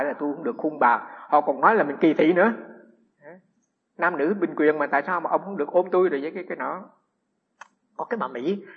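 A man, a Buddhist monk giving a humorous storytelling sermon with lively anecdotes and frequent restarts. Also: on the high side, slightly rough. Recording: echoey hall, dull lo-fi sound.

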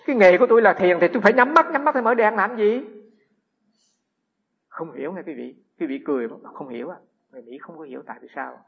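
Husky-voiced monk, fairly high, telling lively anecdotes; dull lo-fi recording. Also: male voice, fast talker. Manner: lively anecdotes with frequent restarts. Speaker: Buddhist monk giving a dharma talk. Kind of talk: humorous storytelling sermon. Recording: echoey hall, dull lo-fi sound.

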